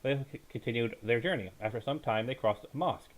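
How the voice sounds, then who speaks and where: In a low-quality recording, a medium-pitched male voice reads a bedtime story with dramatic flair. Now and then he trips over the words and goes back to fix them.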